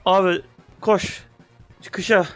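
A young man giving casual, excitable commentary on a VR game, slangy, with loud outbursts, sometimes speaking English. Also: high-pitched, extremely slow, soft background music. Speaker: gaming youtuber.

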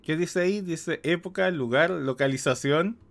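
A man's voice: on the high side, moderate pace, gravelly, slight background noise. A man with a Latin American Spanish accent giving casual, amused reaction commentary. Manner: amused, breaks into chuckles. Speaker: reaction host.

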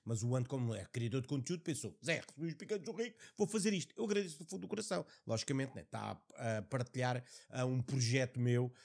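A young man with a European Portuguese accent, excitedly commenting on a clip he is reacting to, swearing and laughing. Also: medium pitch, fast, vocal fry, hardly any pauses.

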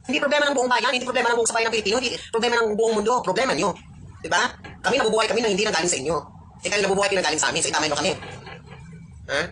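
Woman, rapid angry rant, sarcastic, scolding, clear background noise. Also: mid-range voice. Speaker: netizen ranting on video. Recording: noisy background.

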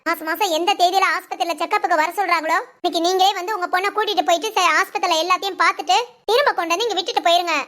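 A domineering cartoon mother-in-law who snaps out orders, voiced by a woman. Her voice is very high and rapid, with a curt, commanding tone. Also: steady tone, sharp tone. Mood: cold. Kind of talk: cartoon family drama voice acting.

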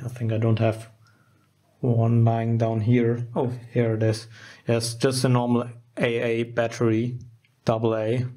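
The host of a DIY electronics channel, a man with a soft, dark-toned, mid-range voice, walks through a casual, unscripted hands-on demonstration at a wooden workbench indoors. He talks slowly and informally with very little rise and fall, often pausing as he thinks aloud.

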